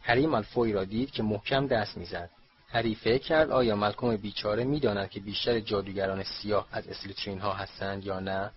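A man's voice: on the low side, steady tone, a little hiss or hum. Man narrating a storybook. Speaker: audiobook narrator. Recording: dull lo-fi audiobook recording.

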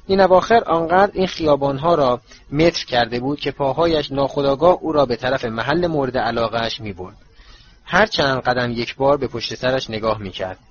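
A man reading a story aloud as audiobook narrator, in a steady storytelling manner. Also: mid-range voice, muffled recording, a little hiss or hum. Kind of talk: scripted narration.

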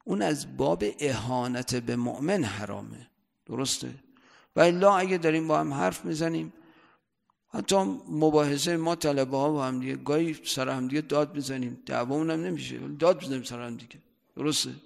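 Male seminary cleric, heavy vocal fry, conversational lecture with loud bursts of emphasis, reverberant hall. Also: a little high. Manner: conversational, often checks listeners' understanding; rises sharply in loudness for emphasis. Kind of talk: religious lecture.

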